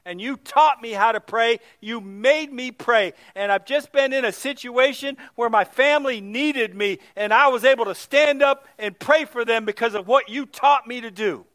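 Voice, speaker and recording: Male pastor, middle-aged, high bright voice, dramatic storytelling sermon. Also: moderate pace, hardly any pauses, no echo. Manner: storytelling, swings from loud exclamations to hushed near-whispers.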